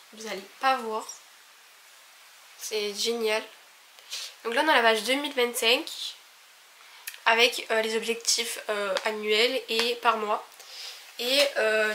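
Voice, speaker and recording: Young woman vlogger, casual and rambling, clear forceful tone, recorded at home. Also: a little high, a little hiss or hum. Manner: chatty, many fillers and restarts. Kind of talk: casual vlog chat. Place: her own apartment bedroom.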